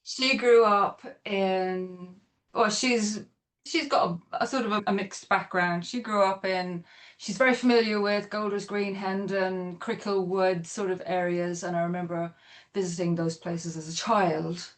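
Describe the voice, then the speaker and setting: A woman's voice: mid-range voice, steady tone, a little slow. A middle-aged woman with a Dublin accent, chatting as a podcast guest, rambling with restarts. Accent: Irish, Dublin. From Ireland. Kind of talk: podcast interview.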